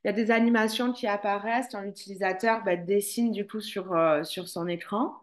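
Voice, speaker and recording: A woman's voice: mid-range voice, steady tone, fairly quick. A woman trainer presenting a webinar, talking through it with many fillers and restarts. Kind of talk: online presentation.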